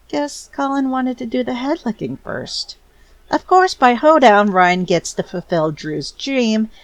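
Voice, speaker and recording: A woman reads a scripted fan commentary with keen enthusiasm, her pitch rising and falling in an animated way. The voice-over is close-miked and dry, with no room sound. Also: no echo. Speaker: narrator. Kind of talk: scripted narration.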